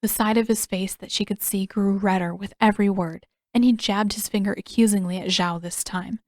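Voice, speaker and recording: A woman narrating her own fan fiction audiobook, telling it in a measured and expressive way. Her voice sits in a middle range for a woman, and the recording is dry and close to the mic. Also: mid-range voice, no echo.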